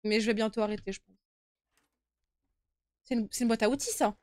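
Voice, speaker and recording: A woman's voice: fairly high pitch, steady tone, fairly quick, darkish tone, no echo. A young woman streaming a horror game with casual live commentary, uneasy and easily scared, chatting to her viewers. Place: indoor room at home.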